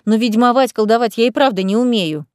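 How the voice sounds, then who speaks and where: A woman's voice: on the high side, brisk, smooth, no room sound, clean studio sound, close to an everyday voice. A woman reading the part of a bewildered young woman, a novice witch, who asks exasperated, startled questions. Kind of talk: audiobook character voice.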